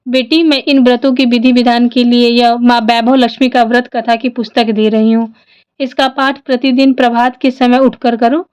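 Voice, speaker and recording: A woman voicing a gentle, consoling old mother. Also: fairly high pitch, little pitch movement, normal speed, clear, resonant tone, lightly acted. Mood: advising. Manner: soothing, motherly, advising.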